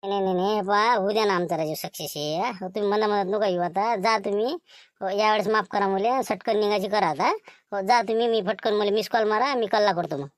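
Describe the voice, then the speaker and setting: A man's voice: high voice, fairly quick, no echo, clean studio sound, lightly acted. A man with a Varhadi Marathi accent playing a sly scheming undercover servant in a village comedy sketch, wheedling and sprinkling his talk with little fillers. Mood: plotting.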